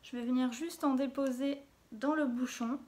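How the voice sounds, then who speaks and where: Recorded on a phone camera, a woman with a high, darkish voice speaks at a normal pace with fairly even intonation. She's a beauty vlogger talking casually through her makeup, chatty and sprinkling in little interjections as she goes.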